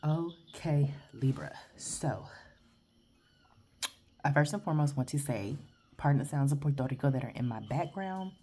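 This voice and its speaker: A tarot reader with a very deep, warm, expressive voice talks at a moderate pace with long pauses, giving a blunt, chatty, rambling reading. She's outdoors in the early morning, congested and sniffly, with slight background noise.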